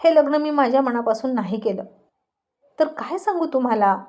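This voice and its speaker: A woman's voice: high-pitched, animated, moderate pace, mellow. A woman voicing a curt, irritable young husband in a narrated story, snapping and stammering when cornered. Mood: explaining.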